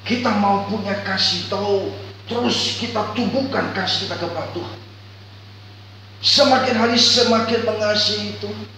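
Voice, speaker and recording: A man's voice: high voice, moderate pace, far from the mic. Man, pastor, storytelling sermon, echoey church hall, faint background hum. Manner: storytelling, swings between loud calls and quiet reflection.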